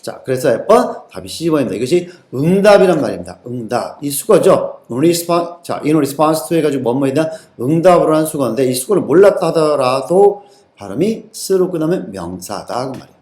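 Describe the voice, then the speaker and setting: A man's voice: fairly high pitch, very animated, normal speed, darkish tone, echoey room. A man teaching an exam-prep lesson, constantly quizzing his students and repeating the answers back to them. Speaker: TOEIC English teacher. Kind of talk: lecture-style exam lesson.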